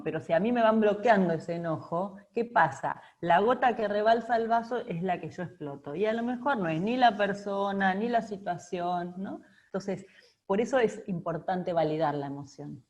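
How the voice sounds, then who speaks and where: A woman's voice: lowish voice, a little mellow. A woman with an Argentine accent giving a conversational online talk, with many fillers and tag questions, over a video call. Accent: Argentine Spanish. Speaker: speaker on emotional intelligence.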